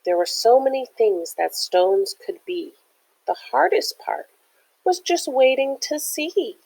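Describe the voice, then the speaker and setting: With a teacher's manner, a woman reads a picture book to young listeners, breaking in with chatty, encouraging asides that keep explanations simple. She has a high, very animated voice at a slow pace, with vocal fry, a slightly mellow quality and a breathy edge. The recording is low quality.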